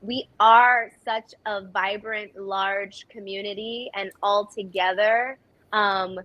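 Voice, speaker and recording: Interview guest, an actress: a woman with a middle-pitched voice, earnest and reflective, on dull, dry audio. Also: steady tone, slow pace, no echo. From United States. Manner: earnest, reflective, frequent restarts. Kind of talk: conversational interview answers.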